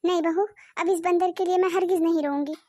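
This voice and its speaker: A stout elderly mother-in-law, voiced by a woman, with a very high, squeaky voice. She wails and scolds with a hot temper in this cartoon. The sound is close and dry. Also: fairly even intonation, fairly quick, dark tone, no echo. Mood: angry. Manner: wailing, scolding. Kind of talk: cartoon voice acting.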